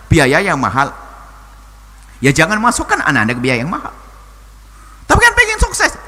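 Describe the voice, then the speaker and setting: A man preaching and answering a listener's question, talking in an animated way that swings from low and soft to high exclamations. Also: husky. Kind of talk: sermon. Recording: long hall reverb, faint noise.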